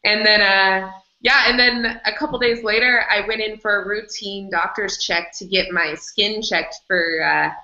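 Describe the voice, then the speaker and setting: A woman with a bright, forceful voice shares her story as an interview guest, animated and quick to laugh. She acts out what she said back then. The recording sounds roomy and a little dull. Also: mid-range voice. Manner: animated, laughs often, acts out her own past words. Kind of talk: candid storytelling in conversation.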